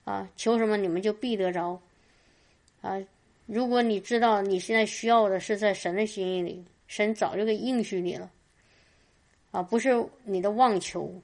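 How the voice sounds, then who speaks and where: A woman's voice: medium pitch, steady tone, normal speed, a little mellow. A woman preaching at a church meeting in a fervent testimony style, often crying out hallelujah and stumbling over repeated words. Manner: stammers and repeats words while talking.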